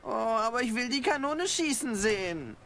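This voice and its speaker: A man's voice: very high-pitched, animated, normal speed, pushed and bright, full character voice. An actor playing a cheeky, bratty little boy pirate in a cartoon adventure game.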